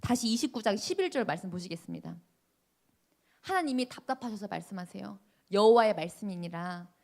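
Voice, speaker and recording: A woman's voice: medium pitch, very animated, a little fast, gravelly. A woman preaching a sermon, telling her own testimony dramatically and asking the congregation questions. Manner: dramatic storytelling, voices the people in her story.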